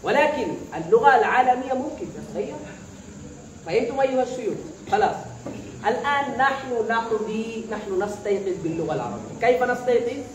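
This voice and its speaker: High-voiced man exhorting a class. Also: animated, brisk. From Bangladesh. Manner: exhorting, call-and-response questioning of the audience. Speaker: student speaker addressing classmates. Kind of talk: motivational speech to a class. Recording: echoey room, voice far from the mic, background noise.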